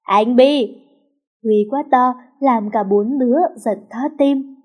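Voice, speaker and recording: Higher-voiced woman reading a story. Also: a little slow, a little mellow. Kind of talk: reading a teen romance story aloud.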